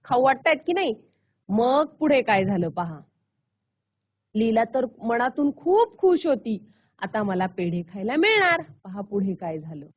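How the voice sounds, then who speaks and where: Woman teacher reading a story to children, unhurried and lively, tinny phone line. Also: a little high. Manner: asks the children questions, storybook tone.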